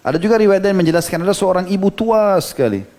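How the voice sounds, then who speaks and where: A man's voice: high-pitched, lively intonation, quick pace, darkish tone. A middle-aged man giving an Islamic sermon, telling stories from hadith with frequent "ya" asides. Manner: storytelling lecture, quoting hadith, frequent "ya" asides. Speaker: Islamic preacher.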